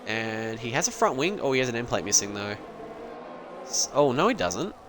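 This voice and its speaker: A man's voice: mid-range voice, very animated, normal speed, noisy background. A young man giving loose, rambling live commentary on an online sim race, joking and swearing as he goes. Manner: casual, rambling, swears and laughs.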